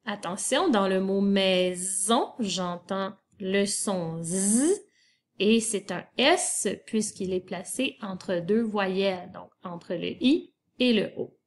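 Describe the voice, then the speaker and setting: A woman gives a children's spelling lesson, spelling each word letter by letter. She speaks very slowly and patiently, in a mid-pitched voice. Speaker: teacher.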